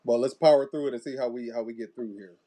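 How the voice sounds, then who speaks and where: A man hosting an online church talk show, chatting casually over a video call with relaxed, rambling talk and many fillers. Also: medium pitch, quick pace. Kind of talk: casual live-stream chat.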